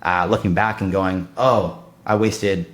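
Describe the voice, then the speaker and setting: A man's voice: deep voice, steady tone. A man in his thirties, a podcast guest, talking casually in a loose, restless way full of fillers and restarts. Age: 30s. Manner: fast, loose, filler-heavy talk with many restarts. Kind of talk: casual conversation.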